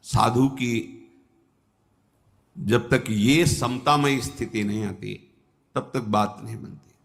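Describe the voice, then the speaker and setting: Slow, calm male spiritual teacher in reverberant hall. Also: medium pitch, creaky. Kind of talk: devotional sermon with recited scripture verses. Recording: long hall reverb, music behind. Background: background music.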